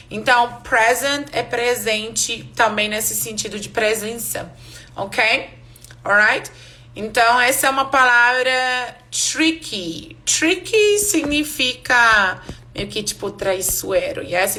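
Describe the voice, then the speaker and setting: A woman teaching an English pronunciation class live online, explaining slowly and repeating each word for her students. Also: on the high side, pushed and bright.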